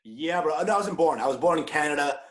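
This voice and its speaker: Man, thirties, from dallas, podcast guest, raised voice, fast joking delivery, swears a lot. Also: fairly high pitch, low-quality recording. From Dallas, USA. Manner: energetic, profane, joking. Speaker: guest comedian. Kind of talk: casual podcast chat.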